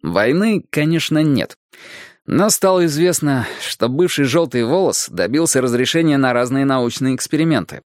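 A man reads a story aloud in a mid-pitched voice whose melody rises and falls a lot. The sound is dry and close, with no room around it. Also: moderate pace, dry recording. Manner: expressive, animated reading. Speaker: narrator. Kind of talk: audiobook storytelling.

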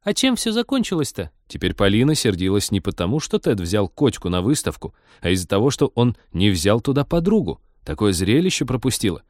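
A man narrating an audiobook with expressive, lively reading. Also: on the low side, a little fast, hardly any pauses, dry recording, studio quality. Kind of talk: scripted narration.

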